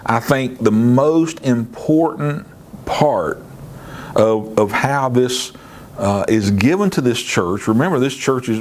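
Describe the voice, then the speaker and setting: A man's voice: fairly low pitch, a little hiss or hum. A man pastor teaching a Bible lesson in a sermon style, earnest, often repeating words as he starts a phrase and lifting his voice to stress a point. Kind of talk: sermon teaching through scripture.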